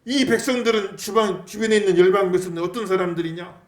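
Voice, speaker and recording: A pastor preaching a sermon, emphatic and lively, leading the congregation in prayers and responses. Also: male voice, sits high, quick pace, distant mic. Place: church sanctuary. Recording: echoey church hall.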